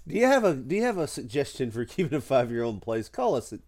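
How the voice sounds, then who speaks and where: A man's voice: mid-range voice, big pitch swings, quick pace, darkish tone. A middle-aged man who is sick with a cold, chatting casually and jokingly as a podcast co-host. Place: at home in a house.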